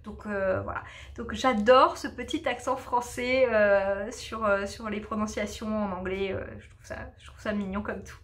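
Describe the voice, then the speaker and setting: A woman's voice: mid-range voice, steady tone, moderate pace. A woman hosting a knitting podcast, who also teaches English, chatting casually with lots of fillers and restarts. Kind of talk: casual chat.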